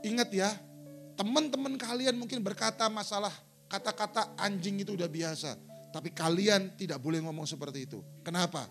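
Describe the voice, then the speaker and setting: A middle-aged male pastor preaching a sermon in a church, telling stories and acting out quotes. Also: a little high. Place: church sanctuary.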